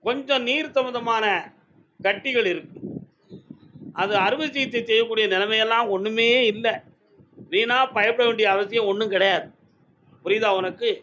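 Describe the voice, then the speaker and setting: Man, temple oracle, high sharp voice, commanding, dull recording. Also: steady tone, normal speed, pauses often, a little hiss or hum. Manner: commanding, scolds and reassures devotees directly. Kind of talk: trance oracle pronouncements to devotees. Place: temple with devotees present. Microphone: microphone.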